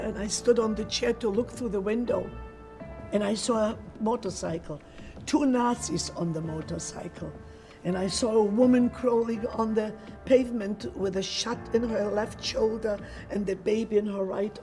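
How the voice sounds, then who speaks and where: An older woman from Eastern Europe giving recorded testimony as a Holocaust survivor, telling her story in a measured, plain way. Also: medium pitch, warm tone, faint music behind. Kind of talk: archival testimony interview.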